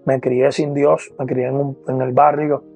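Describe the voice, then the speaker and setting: Seated indoors beside a lamp, a gravelly-voiced evangelist from Puerto Rico offers his testimony to camera in Puerto Rican Spanish, earnestly returning to "poderoso el nombre de Jesús" with frequent "eh" and "¿verdad?". His mid-range male voice is dark and measured, barely moving in pitch. A lapel mic picks him up over soft background music.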